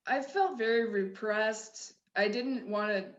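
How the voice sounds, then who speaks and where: Speaking slowly in a mid-range voice with a flat Midwestern accent, a middle-aged woman rambles candidly through her personal story as a podcast guest, laughing and restarting her sentences often. The recording has a roomy echo and the highs are cut off.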